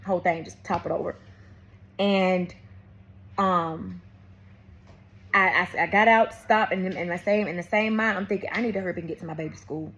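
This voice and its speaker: A woman's voice: on the low side, moderate pace, long pauses, highs cut off. A woman, telling a faith testimony as a casual vlog. She keeps calling her viewers y'all and baby and often restarts her sentences as she tells the story. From Atlanta, USA. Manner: talks straight to viewers, calls them y'all and baby; animated storytelling with frequent restarts. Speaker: vlogger.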